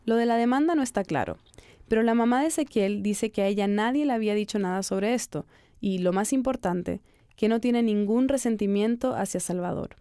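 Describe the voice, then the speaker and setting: Female narrator-reporter, dark mellow voice, steady scripted storytelling. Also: medium pitch, clear, resonant tone, dry recording, clean studio sound. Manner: calm, measured storytelling.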